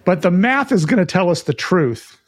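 A man's voice: sits high, sing-song, moderate pace, no room sound, clean studio sound. A man co-hosting a retro gaming podcast, chatting in an upbeat way with frequent restarts. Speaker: podcast co-host. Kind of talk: casual chat.

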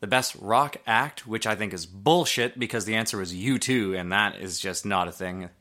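A man's voice: on the low side, normal speed, pushed and bright. A man hosting a podcast in casual chat, rambling along with lots of fillers and the odd swear word. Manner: loose, rambling delivery with frequent fillers and swearing. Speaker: podcast host.

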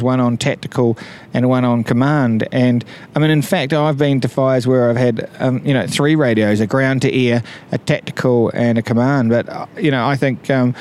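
A man with a New Zealand accent, a visiting wildfire task force leader answering interview questions with many pauses and restarts. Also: medium pitch, a little mellow. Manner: halting, many ums and restarts, good-humoured.

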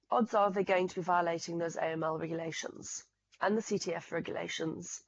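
In a podcast interview, a woman from Zimbabwe who specializes in fraud explains things earnestly, packing in facts and restarting often. Her lowish voice comes through with the highs cut off and slight background noise.

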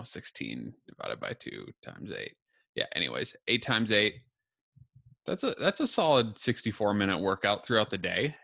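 A man with a lowish, bright, forceful voice talks casually into a close, dry podcast mic. He is upbeat and self-deprecating, and a little out of breath. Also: dry recording. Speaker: podcast host. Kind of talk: casual solo podcast talk.

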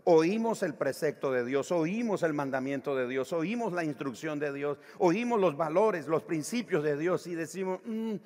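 A man preaching a sermon, his voice sitting a little high for a man. He is animated and dramatic, acting out the people in his stories. The sound carries a long hall reverb. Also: normal speed, few pauses. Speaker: pastor.

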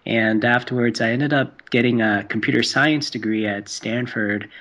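A man's voice: mid-range voice, fairly even intonation, moderate pace, fairly bright tone. A man from Hong Kong, a game developer being interviewed, friendly and eager with frequent restarts. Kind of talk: casual podcast interview.

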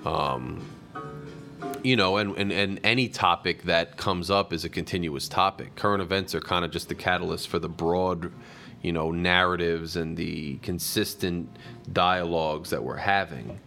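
Host: a deep-voiced, rambling man over faint background music. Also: normal speed, gravelly, sharp tone. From New Jersey. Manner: rambling, with frequent fillers and restarts. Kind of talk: live call-in podcast talk.

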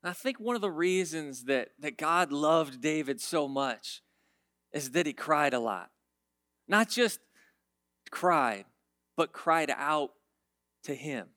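A man with a high voice preaches in an unhurried, easygoing way. He tells stories and then presses hard on the scripture. The sound is close and dry. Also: lively intonation, no room sound. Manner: storytelling, swings from quiet to emphatic. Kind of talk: casual conversational sermon.

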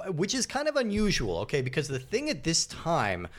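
A man's voice: on the high side, wildly swooping pitch, moderate pace. A man co-hosting a casual podcast discussion, explaining points at length and leading the talk. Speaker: podcast co-host.

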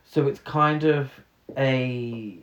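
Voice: mid-range voice, extremely slow, fairly bright tone, dull audio. Chatty film podcast co-host. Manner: chatty, hesitant, fillers and restarts. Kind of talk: casual film review chat. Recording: roomy sound.

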